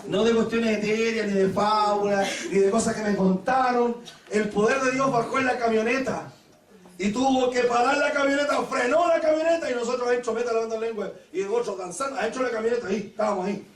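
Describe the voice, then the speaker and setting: A Chilean man preaching a Pentecostal sermon, telling stories with laughter and sudden shouted praises. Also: very high voice, steady tone, a little fast, distant mic. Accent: Chilean Spanish. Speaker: pastor. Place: church hall. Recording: echoey church hall, mic from afar.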